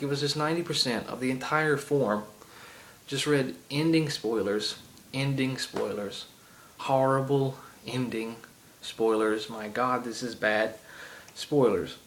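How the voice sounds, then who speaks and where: A gaming vlogger with a heavy Southern accent rambles through a casual game rant, chatty and full of ums and side tangents. His voice sits in the mid-range at a measured pace. The iPod camera recording carries a little hiss or hum.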